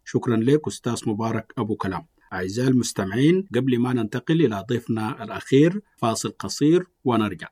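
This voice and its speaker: A man with a Sudanese Arabic accent runs a radio talk show, putting pointed questions to his guests. His voice has a husky edge, and he speaks at a brisk clip. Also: medium pitch, lively intonation, darkish tone. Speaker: radio host.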